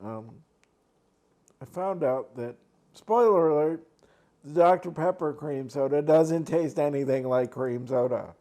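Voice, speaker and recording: Man, mellow dark voice, rambling casual chat, lots of ums, eating at a desk. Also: fairly high pitch, measured pace. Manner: rambling, many fillers and restarts. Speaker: mukbang vlogger. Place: home, at a desk by a laptop.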